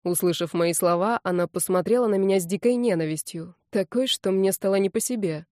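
A woman narrating an audiobook in an even storytelling voice. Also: medium pitch, a little fast, no echo, studio quality. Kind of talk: audiobook reading.

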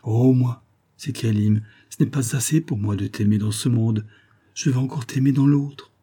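A man's voice: mid-range voice, normal speed, dark tone, slightly rough, lightly acted. A man playing an ardent young lieutenant in love in a storybook reading, speaking fervently and pleadingly.

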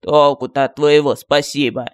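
A sarcastic magic medallion, voiced by a man, practical and fond of needling people. Its voice sits a bit high with a strange timbre. Dry, teasing delivery for an audiobook. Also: flat delivery, moderate pace, clean tone, no echo, lightly acted. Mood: mocking. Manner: mocking and dry. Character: sarcastic talking male medallion, practical and cheeky.

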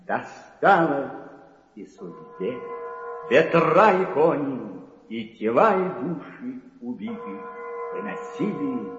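A mournful male reciter an actor delivers war verse in a lyrical, drawn-out style. His pitch moves widely and slowly. The hall echoes around him. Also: expressive, noisy background. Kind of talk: dramatic poetry recitation. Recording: dull echoey hall recording.

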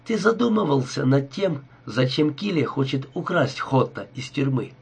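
A scheming male gangster with a sarcastic, sneering edge, delivered in a husky, breathy voice, as a man reads him out. He talks down to his partner with cold irony, the audiobook voice pitched at an ordinary middle height. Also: lively intonation, normal speed, heavily acted. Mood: scornful. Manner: sneering, ironic.

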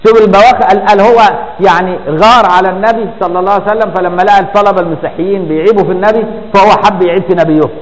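A man's voice: high voice, fairly even intonation, racing. A man with an Egyptian accent teaching a religious text in colloquial speech, often asking the listener if he has followed. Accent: Egyptian Arabic. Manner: explaining, with frequent rhetorical checks on the listener. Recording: hall reverb.

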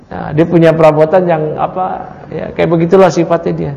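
A man's voice: a little high, level tone, normal speed, creaky, warm tone, lo-fi sound. A man teaching a study-circle lesson on a creed text, reading Arabic lines and explaining them in casual, joking chat while quizzing his audience. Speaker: Islamic religious teacher. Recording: long hall reverb.

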